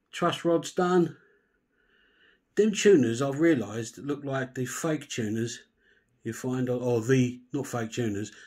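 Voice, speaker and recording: Husky man explaining guitar repairs. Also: mid-range voice. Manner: chatty, relaxed, explains step by step. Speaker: guitar restorer. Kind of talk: casual workshop demonstration.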